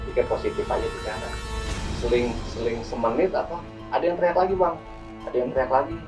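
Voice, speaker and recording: A man's voice: medium pitch, animated, fast talker. Young guy rambling thru a story, kinda far from the mic, music in the background. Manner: rambling, repeats words, calls listener "Bang". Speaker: guest telling a hiking story. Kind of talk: casual storytelling chat. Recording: distant mic with music behind.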